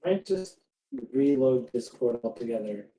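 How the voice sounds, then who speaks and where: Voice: mid-range voice, lively intonation, unhurried, warm tone. A streamer chatting casually during a game with a friend, laughing often, with a robotic distortion on the voice. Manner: chatty, laughs often, fusses over tech trouble. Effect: robotic voice-chat distortion. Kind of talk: casual gaming chat.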